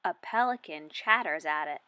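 A woman in her twenties reads a picture book aloud to young children, enunciating deliberately and asking them questions. Her voice is low-pitched and animated, with background noise audible.

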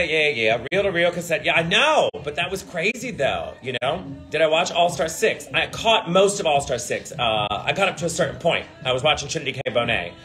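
This is a man in his forties, a drag performer, talking casually to livestream viewers through a phone at arm's length. His voice is on the high side, bright and forceful, and his manner is brash, profane and sardonic. The setting is an indoor hotel hallway, followed by an elevator.

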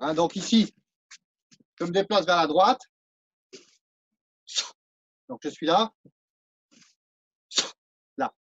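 A man's voice: high-pitched, highs cut off. French man instructing a martial arts class. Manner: demonstrating while counting and explaining moves. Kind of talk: live online class instruction.

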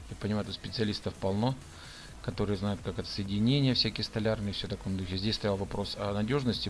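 A middle-aged man talks over his workshop footage in an easygoing, plain-spoken way, walking through each step with small fillers. His voice sits on the low side, and a faint background ambience runs under the voice-over. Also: a little hiss or hum. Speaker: woodworking channel host. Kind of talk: casual voice-over narration of a build.

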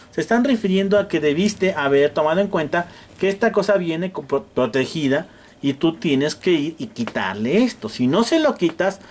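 A man's voice: fairly high pitch, slight background noise. A man with a Mexican accent teaching electronics repair to a classroom, joking and acting out frustrated customers as he goes. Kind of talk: hands-on class demonstration. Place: classroom with students.

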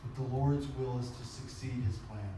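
A man preaching a sermon as pastor, emphatic, swinging between loud high stretches and low intense passages, slipping Japanese phrases into his English. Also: fairly even intonation, moderate pace, a little hiss or hum. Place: church sanctuary. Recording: echoey church hall, mic at a distance.

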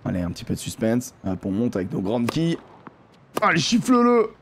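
A man hosting a gaming video, giving live commentary on his play, excitable and swearing often, repeating exclamations and talking straight to his viewers. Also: fairly low pitch, fast talker, a little hiss or hum. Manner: addresses viewers directly.

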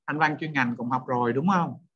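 A man's voice: mid-range voice, brisk, fairly bright tone. A male teacher, lecturing a class and questioning students one by one. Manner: questioning students, repeats points. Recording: dull lo-fi sound.

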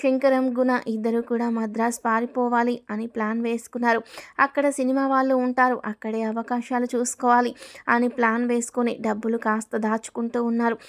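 A woman telling a serialized story in a plain, steady reading voice. Her pitch sits a little high but barely rises or falls, so the narration moves on one level line. She speaks the characters' parts herself without changing voice much.

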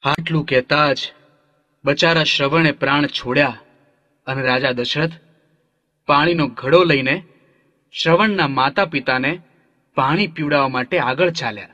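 A man narrating a children's story gently, now and then asking the young listeners questions. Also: fairly high pitch, a little slow, pauses often. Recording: long reverb hall.

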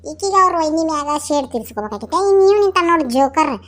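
A woman's voice: sits high, animated, racing, fairly bright tone. A woman narrating a comedy cartoon in a chatty way, with a North Karnataka accent. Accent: North Karnataka Kannada. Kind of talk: comic narration.

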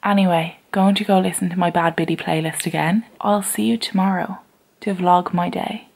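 Creaky-voiced woman vlogging at home. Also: fairly low pitch, steady tone, moderate pace, a little mellow. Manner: rambling, self-mocking, playful. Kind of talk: casual self-filmed vlog chat. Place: at home in her room. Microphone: camera she is talking into.

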